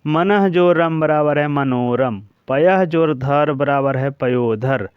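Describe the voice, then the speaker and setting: A man's voice: on the high side, takes it slowly, clean tone, no room sound, dull audio. A man with a Bihari Hindi accent, teaching an exam-prep grammar lesson who drills examples one after another and checks in with his listeners. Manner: repeats examples in a steady drill, checking in with the class.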